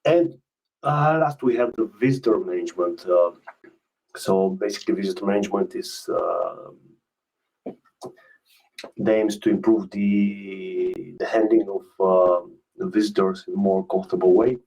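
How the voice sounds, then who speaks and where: A man presents a product in a webinar as a specialist, speaking haltingly and hesitantly and often repeating words. His voice is low, animated, a little mellow and husky, and the recording is rough.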